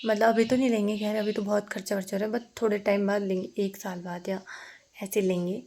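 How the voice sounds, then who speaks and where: A chatty young woman talks to her viewers like old friends as she cooks at home. Her voice sits in a middle pitch, and it is picked up on a phone camera in her kitchen. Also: level tone, fairly quick, warm tone, a little hiss or hum. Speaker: vlogger. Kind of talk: casual home vlog chat.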